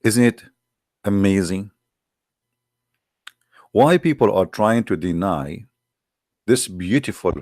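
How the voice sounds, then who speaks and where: A man hosting a livestream talks in a sarcastic, mocking way. His voice sits low with a gravelly, creaky texture. The sound is dry and close to the mic. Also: darkish tone, no echo. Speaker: online show host. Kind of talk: livestream commentary.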